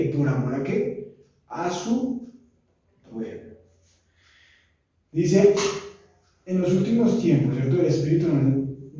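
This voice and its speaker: A man preaching and teaching a Bible lesson, slow and emphatic, listing words one by one. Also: mid-range voice, mellow. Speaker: pastor. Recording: echoey room from far off.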